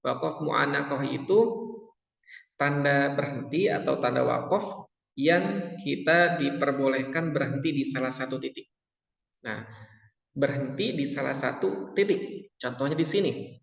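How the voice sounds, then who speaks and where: A man teaching tajwid in a patient lesson, repeating each point and chanting the verses slowly. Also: medium pitch, creaky. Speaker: Quran recitation teacher. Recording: echoey room with long reverb.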